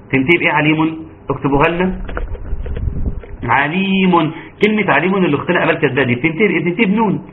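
A fast-talking Egyptian man with a fairly high voice teaches Quran recitation in an online class. He breaks into chanted examples between quick explanations. The sound is thin and phone-like, with a faint hiss behind it. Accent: Egyptian Arabic. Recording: tinny phone-like online audio.

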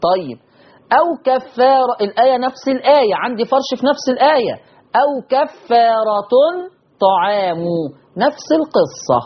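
A Quran readings teacher with an Egyptian accent and a husky voice talks through a lesson. The explanations come fast, while the recited words are drawn out slowly. The recording sounds dull and lo-fi. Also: high-pitched, animated. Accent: Egyptian Arabic.

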